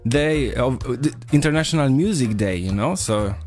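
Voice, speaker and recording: A man's voice: medium pitch, animated, normal speed, a little mellow. Male reggae radio host, music behind. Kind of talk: casual radio interview. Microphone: studio microphone.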